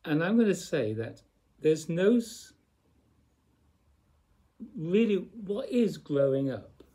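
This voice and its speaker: A man giving a slow, reflective spiritual talk, speaking deliberately with long pauses and repeated phrases. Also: on the high side, big pitch swings, warm tone, breathy edge. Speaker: spiritual teacher.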